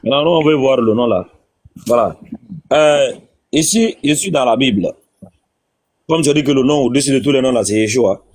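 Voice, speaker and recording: A man's voice: mid-range voice, animated, normal speed, pauses often, a little mellow. A man in a religious debate, insistently repeating his questions.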